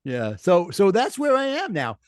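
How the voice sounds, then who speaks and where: A man's voice: high voice, huge pitch swings, normal speed, no room sound, studio quality. A middle-aged man with a Brooklyn accent, speaking as an interview guest in an earnest, explanatory way. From Brooklyn, New York. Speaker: podcast guest, life coach and author. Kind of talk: conversational interview, personal storytelling.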